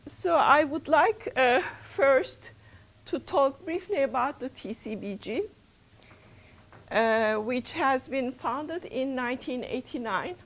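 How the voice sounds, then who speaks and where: A woman's voice: high-pitched, animated, takes it slowly, low-quality recording. A middle-aged woman, a research center's principal investigator, opening a workshop lecture in a lecture room, hesitant with many fillers and restarts.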